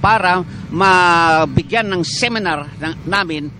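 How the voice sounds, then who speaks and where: A man with a Filipino accent, a doctor guest on a morning TV show, explaining in a measured way with many "ah" fillers. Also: sits high, sharp tone, slight background noise. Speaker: doctor of a medical association, guest. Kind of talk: morning TV interview.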